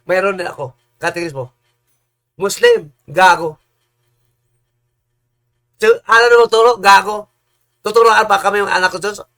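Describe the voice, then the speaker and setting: Heated male preacher, high-pitched, combative and repetitive, swings into shouting. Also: moderate pace, long pauses.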